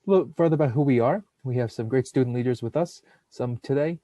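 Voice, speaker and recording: A young man, a nursing student, hosts a webinar over a computer mic, steadily reading a prepared script that includes long lists of names and titles. His voice is mid-range and quick, with no room sound.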